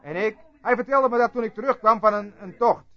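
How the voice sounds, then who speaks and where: A preacher with a high voice tells a story to his congregation. He jumps from loud cries to quiet asides. The tape sounds dull and lo-fi. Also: a little fast. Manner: storytelling preacher, swinging between loud outbursts and hushed asides. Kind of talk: sermon.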